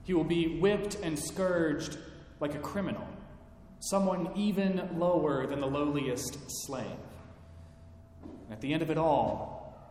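A man preaching a sermon, slow and emphatic, acting out quoted lines with feeling. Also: fairly high pitch, darkish tone. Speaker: pastor. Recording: echoey hall with faint background noise.

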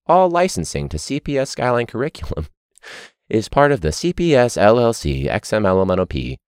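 A man voicing a stiff, robotic male school official reading a script in a flat, mock-formal tone. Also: on the low side, normal speed, clear, resonant tone, no echo, clean studio sound, pitched above the performer's own voice.

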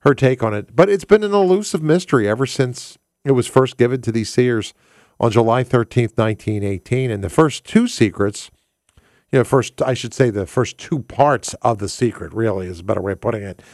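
A man's voice: medium pitch, brisk, darkish tone, dry recording, clean studio sound. A man hosting a conversational radio show, often rephrasing himself and posing rhetorical questions. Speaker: radio host. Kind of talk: conversational talk radio presenting. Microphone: close studio microphone.

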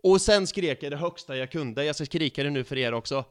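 A man in a casual football podcast, telling a match story in an animated way and swearing freely. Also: fairly high pitch, dry recording, clean studio sound. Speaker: podcast co-host.

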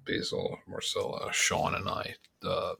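A man's voice: measured pace, bright, forceful tone. A man co-hosting a podcast in casual chat, rambling with lots of fillers and easy laughter. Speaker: podcast co-host.

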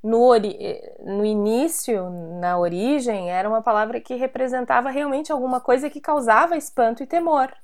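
A woman's voice: a little high, normal speed, hardly any pauses. A woman from Brazil, hosting a casual interview and explaining things in a chatty way. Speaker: host.

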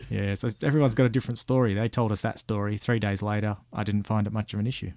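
A man with a deep voice and a broad Australian accent talks in an easygoing, colloquial way. He gives casual travel advice, and the recording is dry with very little room sound. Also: steady tone, quick pace, darkish tone, no echo. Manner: laid-back, colloquial. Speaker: guest recounting an outback road trip.

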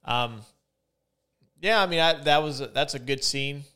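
Unhurried and smooth, this medium-pitched male voice sounds pushed and bright. He's a podcast host in casual conversation, swearing freely and frequently putting on mock voices.

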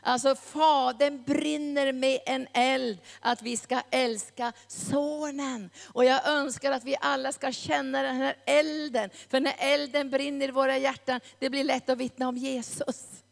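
A woman's voice: high-pitched, steady tone, creaky, hardly any pauses. A woman preaching a sermon with a fervent, repetitive cadence. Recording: long hall reverb.

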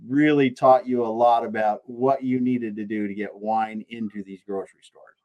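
A man's voice: mid-range voice, fairly even intonation, normal speed. Hesitant male host on dull audio. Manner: hesitant, searching for words. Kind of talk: interview.

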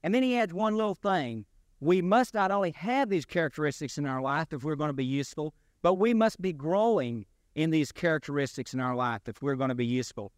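A man preaching a sermon as pastor, in a deliberate, emphatic delivery with rising and falling stresses. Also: a little high, animated, no room sound, clean studio sound.

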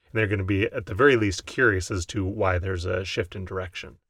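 American man podcaster with some vocal fry. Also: low voice, steady tone, fairly quick, fairly bright tone, no echo, studio quality. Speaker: podcast co-host, mental health provider. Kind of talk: conversational advice, explanatory.

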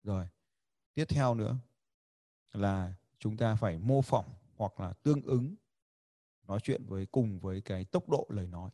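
A man leads a livestreamed lesson to his viewers, a touch of fry running through his voice. He talks in a chatty, demonstrative way, acting out sample phrases and laughing often. The sound is dry and close, with little room around it. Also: fairly low pitch, moderate pace, long pauses, mellow, dry recording. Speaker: communication skills teacher.

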